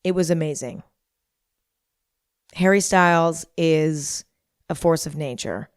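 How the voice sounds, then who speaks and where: Hungover female podcast host, young adult, rambling casually in a lowish register, close dry sound. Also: takes it slowly, clean tone, no room sound. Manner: repeats herself for emphasis.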